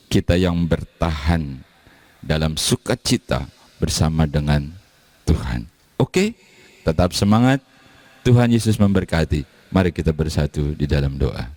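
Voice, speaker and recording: A male pastor preaches in a loose, joking, storytelling way. His voice sits very low. The sound is dry and close. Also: darkish tone, no room sound. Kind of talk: sermon and closing prayer.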